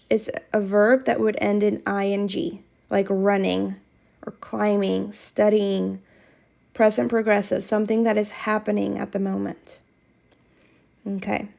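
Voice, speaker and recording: A woman's voice: medium pitch, creaky, a little mellow. A woman teaching Spanish, reading quiz questions aloud and patiently repeating instructions to her students.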